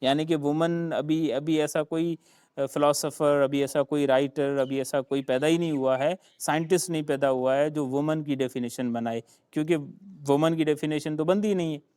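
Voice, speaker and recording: A man's voice: fairly high pitch, fairly even intonation, normal speed, darkish tone, smooth, dry recording, clean studio sound. A man from Sindh, a Sindhi speaker, teaching a grammar lesson. He spells words out letter by letter, repeats them, and calls his students "beta". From Sindh, Pakistan. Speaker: English teacher. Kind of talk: classroom grammar lecture.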